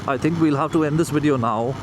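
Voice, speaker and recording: A man's voice: fairly high pitch, fast. A man with an Indian accent giving casual motovlog commentary, speaking into his helmet as he rides a motorbike outdoors. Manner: talking into his helmet while riding. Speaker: motorcycle reviewer. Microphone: mic inside helmet. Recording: noisy road and engine sound, helmet mic.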